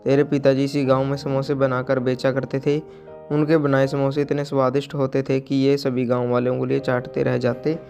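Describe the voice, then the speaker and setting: A man voicing a gentle, caring old widowed mother who speaks soothingly. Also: mid-range voice, monotone, moderate pace, gravelly, soft background music, natural voice. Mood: tender. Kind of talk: storybook character voice.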